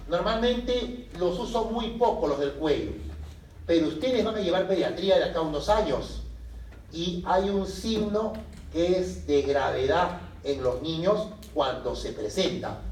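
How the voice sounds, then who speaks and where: Guy teaching a med class, kinda high voice, quizzing students, echoey and far from the mic. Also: a little slow, slight background noise. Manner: lively, asks the class questions and answers them himself. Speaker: medical lecturer. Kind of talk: classroom lecture. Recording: echoey room from a distance.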